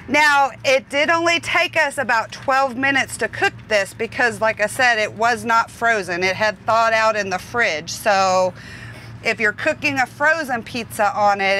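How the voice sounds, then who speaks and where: Bright, gushing woman in a truck. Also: on the high side, a little hiss or hum. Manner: gushing, exclamatory. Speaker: trucking vlog co-host. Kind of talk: casual cooking chat. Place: inside a truck cab.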